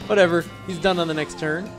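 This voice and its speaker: Man on a let's play, fairly high voice, dry wry asides, faint music behind. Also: fairly even intonation, quick pace. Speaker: let's player. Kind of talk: reading game text aloud with commentary.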